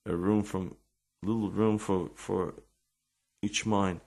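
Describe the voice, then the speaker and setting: This informal religious talk comes from an Israeli-accented man whose low-pitched, gravelly voice has a steady, darkish tone. He mixes in personal stories and stumbles, repeating words, as he reaches for his English.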